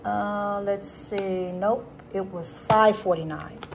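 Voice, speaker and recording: A woman's voice: medium pitch, steady tone, slow pace, creaky, slight background noise. A woman chatting casually at home, showing her groceries and often correcting herself. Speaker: vlogger showing a grocery haul. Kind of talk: casual chat. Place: home, at a dining table.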